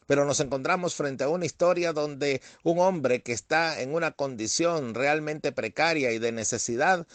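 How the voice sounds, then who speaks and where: A middle-aged man, a pastor, reading scripture in a measured way and then preaching a sermon with growing emphasis. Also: medium pitch, dry recording.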